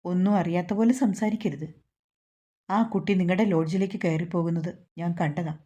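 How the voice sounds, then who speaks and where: A woman voicing a gruff, hot-tempered young male lorry driver who talks sternly and scolds. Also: lowish voice, fairly even intonation, fairly quick, mellow, lo-fi sound, natural voice.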